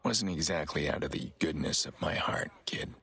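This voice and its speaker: An actor playing a grizzled, weary middle-aged vigilante in a video game, with a low gravelly growl and a terse, dry, guarded manner. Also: male voice, normal speed, bright, forceful tone, exaggerated voice. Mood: subdued.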